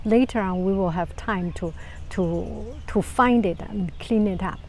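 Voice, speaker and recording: A vlogger with a Chinese accent offers calm, casual advice to the camera in a low, soft voice. She is unhurried, often restarts her phrases and sometimes drops to a whisper, with slight background noise behind her.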